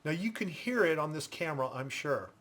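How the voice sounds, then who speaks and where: A man giving a casual product review in a deliberate, explanatory manner. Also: a little high, animated, a bit bright.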